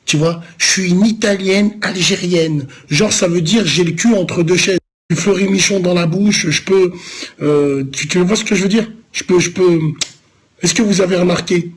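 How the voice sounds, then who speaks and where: Male streamer from Lyon, husky tone, slangy, rambling, teases his chat. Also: high voice, moderate pace. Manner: loose, rambling street slang, teasing chat. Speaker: live streamer answering viewers. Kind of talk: casual live-stream chat.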